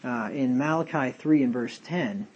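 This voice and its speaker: A man's voice: medium pitch, normal speed, darkish tone, highs cut off, slight background noise. A man, a pastor, teaching a Bible study sermon, reading King James verses aloud and explaining them.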